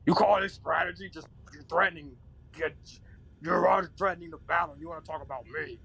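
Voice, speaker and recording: A man's voice: on the high side, steady tone, gravelly, pushed and bright, pitched above the performer's own voice. A man doing a panicky scolding companion. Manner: scolding, fast, exasperated.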